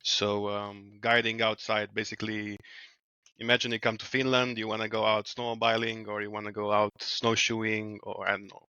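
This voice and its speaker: A man's voice: on the low side, normal speed, clear, resonant tone, dry recording, muffled recording. A man in his twenties from Slovenia with a Slovenian accent, telling stories as a guest in a casual interview over a headset video call. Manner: relaxed, laughs often, trails off mid-sentence. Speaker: guest, wilderness guide. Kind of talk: casual storytelling. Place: small room at home. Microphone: headset mic on a video call.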